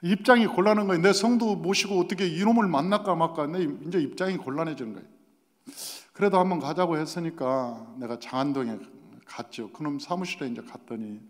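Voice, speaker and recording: A man's voice: on the high side, a little fast. A middle-aged male pastor preaching a sermon, telling stories and acting out the quoted dialogue with animation. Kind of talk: sermon with storytelling. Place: church sanctuary. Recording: long reverb of a church hall.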